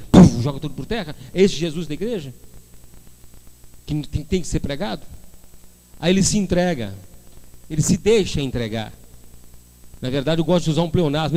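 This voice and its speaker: A man's voice: on the high side, a little mellow. A male pastor preaching a sermon, firing rhetorical questions and rising into fervent bursts.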